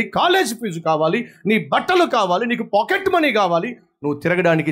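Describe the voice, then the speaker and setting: A man's voice: sits high, fairly bright tone. A man from India preaching a sermon, acting out quarrels between young people and their parents in different voices. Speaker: pastor.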